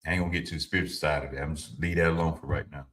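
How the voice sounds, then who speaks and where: A man's voice: very deep voice, steady tone, rapid-fire, fairly bright tone, slight background noise. A man in his fifties giving informal, preachy advice to his livestream viewers, repeating his points and answering the chat. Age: 50s. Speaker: livestream host. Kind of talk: motivational talk to a live audience.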